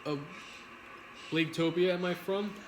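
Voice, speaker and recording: A man with a high-sitting voice hosts a livestream mukbang, eating pizza and reading viewer comments while chatting in a rambling, playful way with some swearing. He talks at normal speed with fairly even intonation, in an echoey room with background noise.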